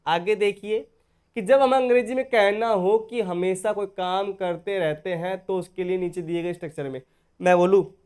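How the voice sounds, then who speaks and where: Guy teaching english online, high voice, super smooth, keeps asking students "okay?". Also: steady tone, normal speed, a little mellow. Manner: explains step by step, often checking in with "okay?"; addresses viewers as dear students. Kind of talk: online spoken-English lesson.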